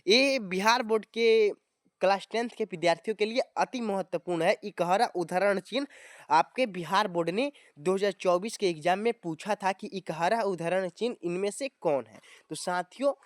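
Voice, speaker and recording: A man's voice: high-pitched, normal speed, dry recording, studio quality. A man teaching a grammar lesson to exam students, explaining step by step and often addressing viewers as friends. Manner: explanatory, often calling viewers "friends" and adding tag words.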